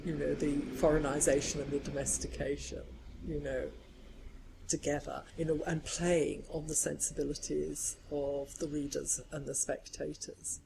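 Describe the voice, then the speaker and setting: A woman scholar talking in a measured, reflective way, building long careful sentences in an academic discussion. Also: sits low, little pitch movement, gravelly. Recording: faint background noise.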